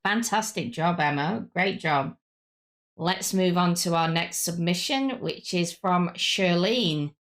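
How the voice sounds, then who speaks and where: A woman's voice: lowish voice, takes it slowly. A woman hosting a casual panel chat, speaking in an effusive, enthusiastic way. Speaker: show host.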